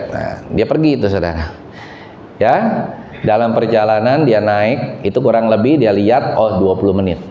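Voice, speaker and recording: A middle-aged man preaching a sermon, telling stories animatedly and speaking directly to his congregation. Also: slight background noise. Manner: animated storytelling, voices quotes higher. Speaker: pastor. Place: church hall. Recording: echoey church hall, slightly dull sound.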